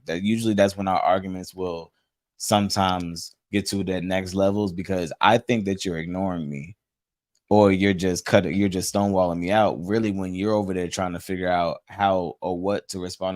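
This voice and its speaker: A man co-hosting a casual relationship chat, animated, repeating himself and swearing casually. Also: low voice, no room sound, clean studio sound. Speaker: podcast co-host.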